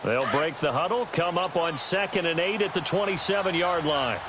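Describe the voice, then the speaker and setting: A man playing a brisk, factual play-by-play announcer in football video game commentary. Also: a little high, lightly acted. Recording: loud stadium noise behind the voice.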